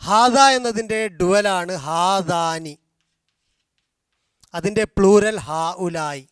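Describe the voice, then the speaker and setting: A man teaching a language class, slowly repeating and drilling grammar forms, with a Malayali accent. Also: high-pitched, clear, resonant tone, dry recording, studio quality. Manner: slow, drilling repetition of forms. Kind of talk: explaining grammar in a video class.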